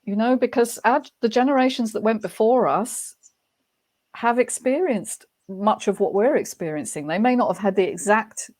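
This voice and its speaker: A woman, a guest author speaking thoughtfully in a relaxed interview, often pausing and restarting her sentences. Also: a little high. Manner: thoughtful, hesitant, many restarts. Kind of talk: casual interview chat.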